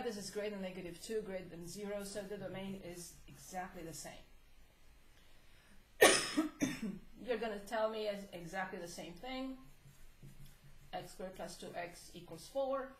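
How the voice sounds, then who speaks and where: A woman teaching a math class, hoarse and coughing, asking the class questions at a slow pace. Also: mid-range voice, a bit bright. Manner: slow, deliberate, prompting questions. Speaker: math instructor. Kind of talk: classroom lecture. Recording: echoey classroom, faint noise.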